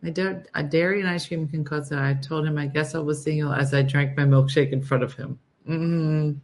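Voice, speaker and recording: A woman hosting a casual livestream, chatting with viewers in a listless, low-energy, dry deadpan way. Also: a little fast, slight background noise. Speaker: host of a morning livestream show.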